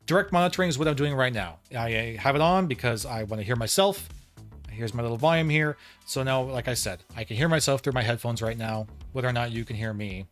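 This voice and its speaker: A man talks through a gear review at his desk, mid-pitched, easygoing and conversational, stretching out his words with repeats like "really, really." the mic sits a short way off, and a room fan and computer whir somewhere nearby. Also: fast, a bit bright, faint music behind. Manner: chatty, repeats words for emphasis. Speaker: tech reviewer. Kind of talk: casual product review. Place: home room with fan and PC running. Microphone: desk microphone about eight to ten inches away.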